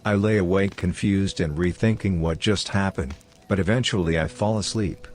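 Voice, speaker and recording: A man giving a steady first-person narration of online horror stories. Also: deep voice, moderate pace.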